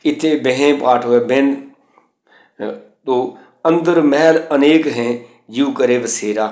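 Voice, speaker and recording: A man teaching correct pronunciation of scripture, reciting verses slowly and then explaining the grammar point by point. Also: medium pitch, a little mellow, reverberant.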